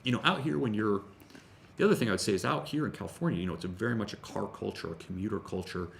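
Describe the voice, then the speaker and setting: Gravelly low-voiced man telling a rambling story. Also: rapid-fire, slight background noise. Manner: rambling, with frequent restarts and fillers; casual, with the odd swear word. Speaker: jiu-jitsu instructor. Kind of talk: casual storytelling during a workout stream.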